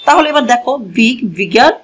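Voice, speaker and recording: A woman teaching a grammar lesson to a class, moving slowly, repeating key words and asking the learners questions as she goes, switching languages mid-sentence. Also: high voice, animated, breathy edge, low-quality recording. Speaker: English teacher. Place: classroom with a board.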